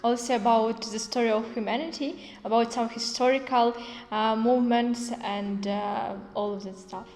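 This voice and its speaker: Woman, flat voice, stumbles for words, echoey hall, faint music. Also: fairly high pitch. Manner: halting, searching for words. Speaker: project participant.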